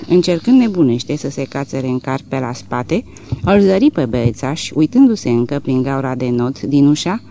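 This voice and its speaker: A man narrating a novel as an audiobook, expressive and rising and falling with the action, on a close studio mic. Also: mid-range voice, vocal fry, slight background noise. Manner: expressive, rises and falls with the action. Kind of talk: scripted literary narration.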